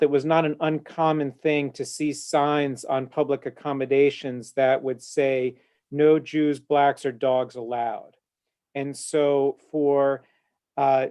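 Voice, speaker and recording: A slightly high, slightly mellow male voice belongs to a rabbi on a discussion panel. He talks over a video call from his home office, eloquent and earnest, with frequent filler "uh"s.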